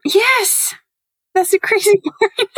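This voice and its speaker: A woman, a guest chatting in an animated way and laughing often. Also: extremely high pitch, slow pace, no echo. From Norway. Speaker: guest, CRM consultant. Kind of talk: casual interview chat. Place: home.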